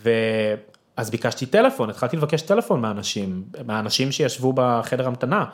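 A young man, a podcast guest, telling a personal story with emotion and acting out his own past shouts. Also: medium pitch, animated.

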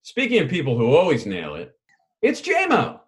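A man co-hosting a casual podcast whose voice leaps up and down with a lot of energy. He is wry and quick and moves the segment along. His voice sits on the high side. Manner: lively, wry, runs the segment. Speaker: podcast co-host. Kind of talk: casual chat.

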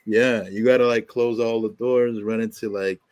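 A man's voice: on the low side, steady tone, normal speed, a little mellow, no room sound. A man, a guest rap artist, in casual chat, laid-back and slangy, swearing freely.

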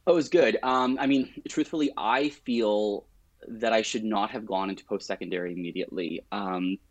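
A middle-aged realtor, born in Lebanon and partly raised in rural Alberta, Canada, chats casually as an interview guest in a wry, self-deprecating way. His pitch is fairly low and his pace moderate, with no echo but dull audio.

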